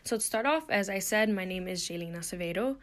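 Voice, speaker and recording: A young woman from Puerto Rico gives a recorded slide presentation as a student, sounding earnest and explanatory with frequent ums and uhs. Her medium-pitched voice is expressive and her pace is quick.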